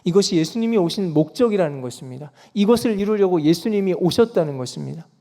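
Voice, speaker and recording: 남자 목사, 새벽기도 설교, 진지하게 힘주어 강조하는 말투, 긴 잔향의 예배당. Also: male voice, high-pitched, animated, fast, dark tone. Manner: earnest preaching with emphatic rises. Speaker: pastor. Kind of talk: dawn prayer service sermon. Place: church sanctuary. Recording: reverberant church sanctuary.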